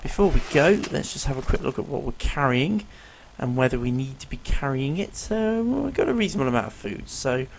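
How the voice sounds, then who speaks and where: Background noise surrounds a man whose medium-pitched voice swings widely as he talks fairly quickly with hardly any pauses. He's casually narrating a let's play, explaining the game and hesitating with ums and uhs, his voice rough, worn out, and failing.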